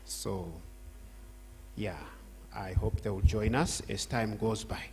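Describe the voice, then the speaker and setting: A man's voice: on the low side, fairly even intonation, slow pace, vocal fry, warm tone, slightly rough. An older man from Zambia giving an emphatic church address as guest speaker, repeating his phrases with rising force.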